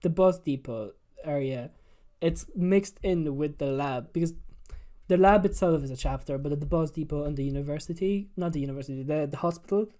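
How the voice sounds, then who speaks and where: A podcast host with a fairly quick, somewhat high voice and a dark tone leads a casual gaming chat. He retells scenes in a rambling, sweary way, packed with "like" and "you know."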